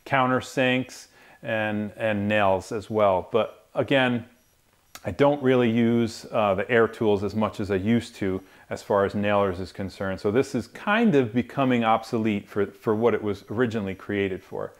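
A man's voice: fairly low pitch, a little slow. A man in his forties giving a casual, rambling tour of his garage woodworking shop, with lots of fillers and restarts. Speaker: woodworking channel host. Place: two-car garage workshop.

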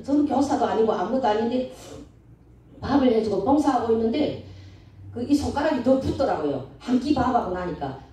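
Woman testifying in an echoey church. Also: a little high. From North Korea. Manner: animated storytelling, acts out her own pleading voice. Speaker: evangelist giving testimony. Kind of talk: emotional testimony at a church revival. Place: church sanctuary. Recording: echoey church hall, mic at a distance.

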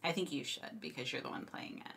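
A woman's voice: very deep voice, animated, fast, vocal fry, fairly bright tone, breathy edge. A woman hosting a casual gameplay video, introducing the episode and teasing her friend. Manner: chatty, teasing. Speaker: channel host.

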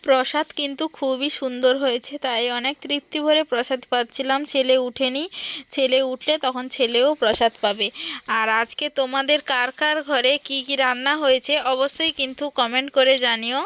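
Woman chatting away to her viewers about her day at home, gentle and chatty, high smooth voice, dry close sound. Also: fairly even intonation, moderate pace, no room sound. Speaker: home vlogger. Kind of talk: casual devotional home vlog narration. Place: home kitchen.

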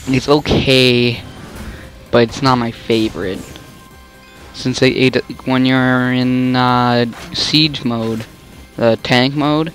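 A man's voice: medium pitch, fairly even intonation, slow pace, fairly bright tone, soft background music. A young man giving casual, rambling commentary while playing a video game, often stopping mid-sentence to react. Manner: rambling, self-interrupting, easily exasperated. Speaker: gamer.

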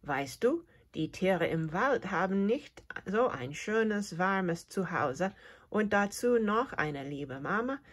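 A woman voicing a small, cheerful male cricket who is cold and hungry, with a thin, high, chirpy voice, in a storybook reading. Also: animated, slow, husky. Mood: eager.

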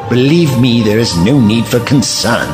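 An actor playing an eccentric, reassuring time traveller in an audio drama, theatrical and breezy. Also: male voice, mid-range voice, lively intonation, moderate pace, lightly acted. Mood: calm, curious. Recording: music behind the voice.

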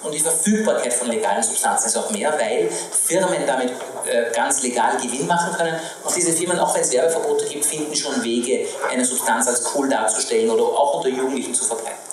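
A man's voice: mid-range voice, fast, hardly any pauses, crowd noise. A man in his forties, a physician from Iran, explaining his view emphatically in a panel debate on a small stage, speaking into a handheld mic. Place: small stage with live audience. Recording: echoey room, mic heard from a distance, audience noise.

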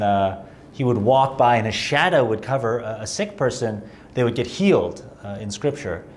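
Man, preacher, sermon, mid-pitched voice, animated emphasis, self-deprecating humor, conversational. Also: a little hiss or hum.

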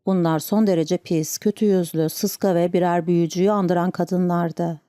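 A calm woman narrates an audiobook from a script, her voice on the low side and her speed normal. The studio recording is clean, with no room sound.

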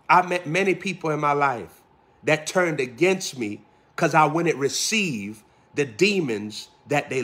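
A man a sermon in a fairly high, bright and forceful voice. He builds his points through rhythmic repetition, firing question after question at his listeners. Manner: preaching with rhythmic repeated phrases and pointed questions. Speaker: preacher.

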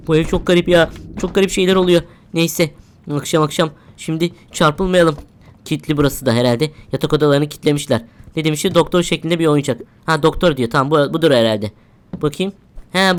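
A woman's voice: low voice, clean tone. A woman playing a horror game, talking to herself as she goes, jumpy and easily frightened. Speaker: gamer. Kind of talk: horror game let's play commentary.

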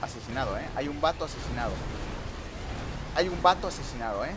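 A young man with a Mexican Spanish accent giving excitable live commentary over a racing game, talking to his viewers and rival players. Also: mid-range voice, quick pace, noisy background. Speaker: gaming streamer.

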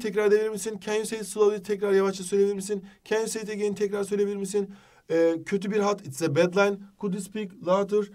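A man teaching a jokey exam-prep lesson, with a Turkish accent, reading English phrases slowly. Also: high voice, a little mellow, far from the mic.

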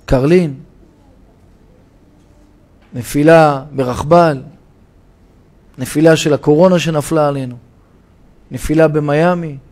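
Rabbi preaching in a synagogue, highish voice, gets loud and dramatic telling a story. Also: male voice. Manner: dramatic storytelling, shouting the parable's cries for help. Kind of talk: sermon.

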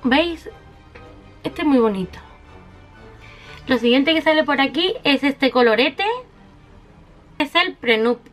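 Mujer española charlatana, voz aguda. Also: female voice, high voice, animated, takes it slowly, pauses often, fairly bright tone, soft background music. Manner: chatty, fond of diminutives, shows each item. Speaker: beauty vlogger. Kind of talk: makeup haul video.

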